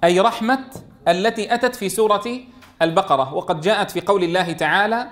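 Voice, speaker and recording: A man teaching a tajweed lesson, asking questions and answering them himself, and chanting verse lines slowly. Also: sits high, a bit bright. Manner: explains by asking and answering his own questions. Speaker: Quran teacher.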